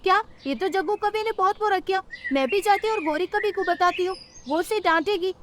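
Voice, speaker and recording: Woman doing a sweet mama sparrow, really high voice, earnest and pleading. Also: fairly quick, noisy background. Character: kind earnest mother sparrow.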